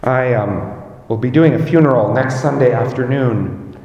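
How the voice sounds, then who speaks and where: A man preaching a sermon as pastor, slow and measured, rising on key words. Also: medium pitch, a little mellow, echoey room, in a large hall, highs cut off.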